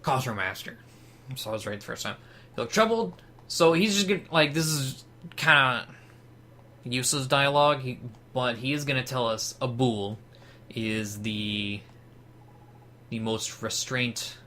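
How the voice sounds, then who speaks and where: Bright-voiced man chatting over gameplay. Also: medium pitch, unhurried, pauses often. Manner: laid-back, rambling, giggly. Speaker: gameplay video host. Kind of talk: casual gameplay commentary.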